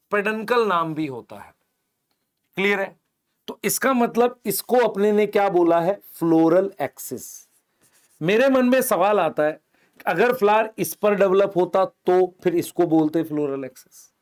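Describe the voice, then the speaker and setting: A man's voice: sits high, fairly bright tone. A man teaching a biology lesson for exam preparation, asking the class questions and answering them himself while drawing on a board. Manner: explains while drawing on a board, points with "idhar dekho". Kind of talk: online exam-prep lecture, Hindi mixed with English terms.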